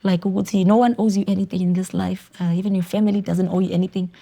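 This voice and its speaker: Gravelly young South African woman. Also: mid-range voice, steady tone, quick pace. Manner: mixes Zulu and English mid-sentence, quiet and reflective. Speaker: podcast guest. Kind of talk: personal storytelling in conversation. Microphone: studio podcast mic.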